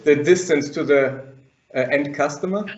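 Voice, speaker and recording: A man moderating a webinar panel over a group video call, halting and restarting his sentences with many fillers. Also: a little high, a little mellow. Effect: group video call audio. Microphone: computer mic on a video call. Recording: dull, echoey call audio.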